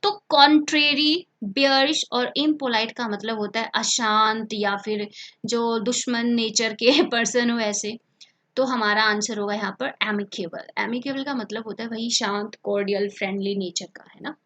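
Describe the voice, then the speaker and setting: Woman, fairly high voice, vocabulary lesson, repeats words, checks in with students. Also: steady tone, a little slow, a bit bright. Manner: explains words in Hindi with English terms, repeats words and checks in with "ठीक है". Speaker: English vocabulary teacher. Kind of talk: online exam-prep lesson.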